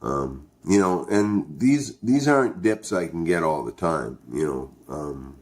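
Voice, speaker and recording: A man with a very low voice talks at a distinctly slow pace. He sounds like a vlogger in casual chat, rambling and hesitating as he thinks things through out loud. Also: expressive. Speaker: video host reviewing dipping tobacco.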